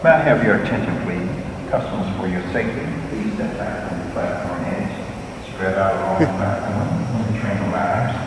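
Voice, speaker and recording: A man giving a formal safety announcement to train riders over a station public address loudspeaker. He repeats set phrases in an official manner. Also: fairly low pitch, far from the mic, noisy background. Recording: echoey loudspeaker heard from afar in a station hall.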